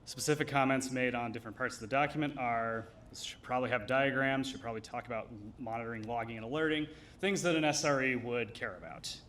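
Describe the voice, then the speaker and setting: A man giving a live technical demo, explaining it in a hesitant, measured way. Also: mid-range voice, fairly bright tone, a little hiss or hum. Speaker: engineer presenting a demo.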